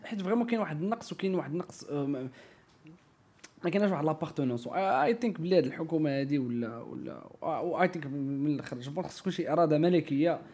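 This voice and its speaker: Man, Moroccan Arabic accent, higher-pitched, rapid-fire. Emphatic podcast talker who code-switches into French and English. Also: a little mellow. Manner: opinionated, emphatic, often checks the listener follows; mixes French and English words into speech. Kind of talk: casual podcast conversation.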